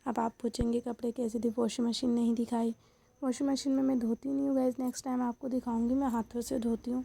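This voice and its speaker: A woman's voice: a little high, flat delivery, creaky, mellow, slight background noise. A young adult woman, a housewife vlogger, chatting casually and directly to her viewers about her home day. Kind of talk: casual home vlog chat.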